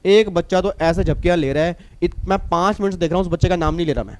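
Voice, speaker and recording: A middle-aged man with an Indian accent teaching a tax class, lively, repeating his points and teasing students. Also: sits high, quick pace. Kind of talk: recorded classroom lecture.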